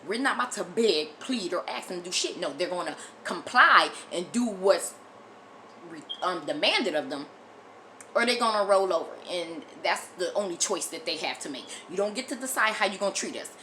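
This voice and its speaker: A woman's voice: lowish voice, expressive, normal speed, sharp tone, slight background noise, rough recording. An American woman delivering an impassioned, blunt opinion monologue as a video commentator, emphatic and repeating phrases for force, often swearing. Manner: frequent swearing.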